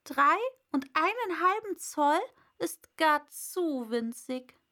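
A timid, well-mannered little girl from a storybook, played by a woman reader. Her lines sit higher and lighter than the narration, polite and a little plaintive. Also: animated, slow pace, bright, forceful tone, full character voice.

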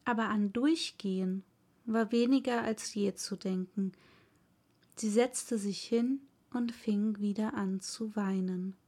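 A woman hosting a fairy tale podcast, reading a story aloud in a soft, gentle, partly whispered voice. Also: mid-range voice, slow. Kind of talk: bedtime storytelling.

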